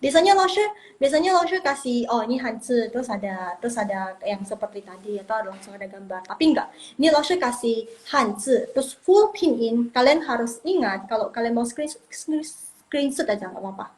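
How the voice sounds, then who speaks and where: Lady teacher on a live, chatty, keeps repeating sounds, kinda high voice. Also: animated, normal speed, rough recording. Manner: chatty, repeats and drills pronunciation. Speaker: Mandarin teacher. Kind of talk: casual livestream teaching.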